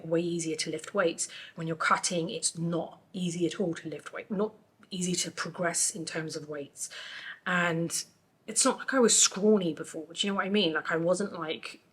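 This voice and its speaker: A woman vlogs casually to camera, chatty and informal, often tossing in checking tags like "you know." Her voice is fairly low with a fairly bright tone, but it sounds a little worn, not fully recovered after being ill.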